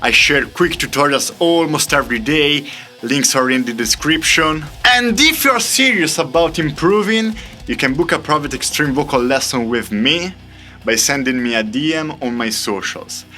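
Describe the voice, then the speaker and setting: With soft music behind him, a man with a fairly high, sharp voice and lively intonation delivers a scripted tutorial at a moderate pace. An extreme vocal coach and singer, he's upbeat and explains things step by step.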